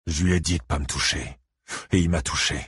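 A man voicing a furious, hot-tempered male ex-convict in an audiobook, barking shouts and bitter mutters. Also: rumbling low, steady tone, a little fast, slightly rough, no room sound, clean studio sound, pitched below the performer's own voice, heavily acted.

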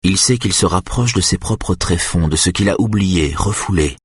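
Deep husky male audiobook narrator. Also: normal speed, no room sound, clean studio sound. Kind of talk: scripted narration.

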